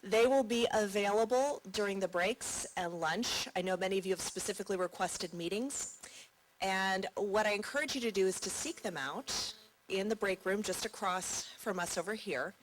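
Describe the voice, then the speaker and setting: A woman's voice: medium pitch, normal speed, a little hiss or hum, low-quality recording. A woman, a conference marketing director, giving a welcome speech from the stage and telling a chatty anecdote.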